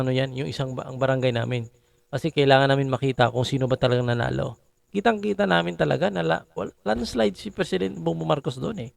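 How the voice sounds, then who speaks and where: Gravelly man ranting casually. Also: medium pitch, dry recording. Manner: rambling, opinionated, frequent tag "no?". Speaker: political commentary vlogger. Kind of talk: casual political commentary.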